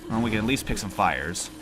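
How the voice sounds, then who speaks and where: A man's voice: lowish voice, background noise. A man with a nasal voice, congested from allergies, thinking aloud and grumbling in casual gameplay commentary. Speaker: gamer commentating on own play. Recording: music behind the voice. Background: game music.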